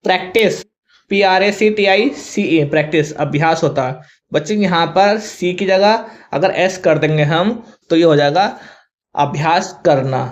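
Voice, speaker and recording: On a dull lo-fi recording, a man with a Hindi accent and a fairly high, unhurried voice gives a vocabulary lesson on confusing English words. He frequently says "thik hai" and spells each term out one letter at a time.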